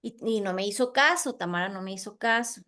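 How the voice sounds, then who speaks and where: A middle-aged woman, a course instructor, tells her class a lively anecdote, animatedly acting out the dialogue as she goes. Her voice is medium in pitch and her pace fairly quick.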